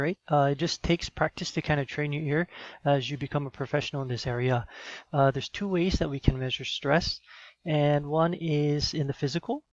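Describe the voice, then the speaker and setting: A man talks through a screencast lesson in a patient, explanatory way, pausing on fillers and checking in with his listeners. His voice sits a little high for a man. The sound is dry and slightly dull, like a close computer mic at home. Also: dry recording. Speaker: teacher.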